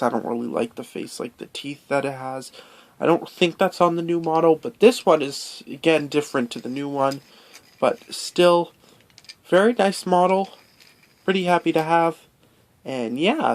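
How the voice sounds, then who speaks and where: A man with a nasal, stuffed-up voice from a cold. He talks through an unboxing in a loose, rambling way, filling gaps with hesitations and stopping to correct himself. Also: a little high. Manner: rambling, full of fillers and self-corrections. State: has a cold. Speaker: toy collector unboxing. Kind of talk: casual unboxing review.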